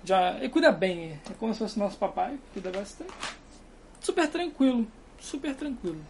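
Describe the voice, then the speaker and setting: This young Carioca-accented Brazilian talks at a normal speed in a high-pitched, expressive voice with vocal fry and a darkish tone, a little hiss or hum in the background. As a guest, he rambles casually and laughs often from his dorm room.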